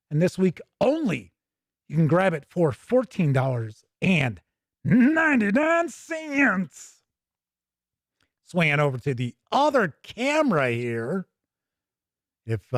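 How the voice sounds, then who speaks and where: Recorded dry and at studio quality, this man's voice sits fairly high. He hosts a tabletop gaming news and review show and is casually walking through a game book on a livestream, chatting with viewers and thinking aloud as he goes.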